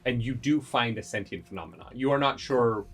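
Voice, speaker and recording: A man's voice: mid-range voice, expressive, a little fast. A man working as game master, narrating a tabletop game dramatically with vivid, grisly description.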